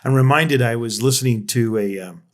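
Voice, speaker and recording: A man's voice: mid-range voice, a little fast. Guy hosting a podcast, kinda rambly and reflective, keeps restarting his sentences. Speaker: podcast host. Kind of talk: casual conversation.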